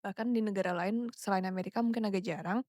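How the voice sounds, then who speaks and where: A woman's voice: mid-range voice, fairly even intonation, fast, darkish tone, no room sound, studio quality. Chatty woman from Surabaya, switching to English. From Indonesia (Surabaya). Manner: chatty, code-switches between Indonesian and English. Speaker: guest, climate strategy executive. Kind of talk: casual interview.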